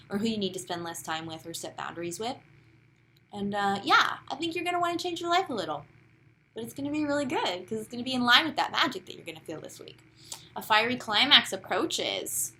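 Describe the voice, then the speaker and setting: Bright, chatty woman reading tarot. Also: medium pitch, slight background noise. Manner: enthusiastic, chatty, drifts into soft near-whispers. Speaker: tarot card reader. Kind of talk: casual tarot reading monologue.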